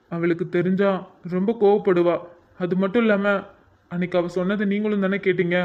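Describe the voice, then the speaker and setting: A man voicing a heartbroken young father in a cartoon, speaking softly and pleadingly. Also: high voice, natural voice. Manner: soft, pleading, emotional. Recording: dull lo-fi recording.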